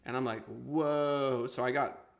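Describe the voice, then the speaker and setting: Male interview host, mid-range pitch with plenty of vocal fry, casual, halting, informal storytelling style. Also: steady tone. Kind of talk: casual conversational storytelling and hosting.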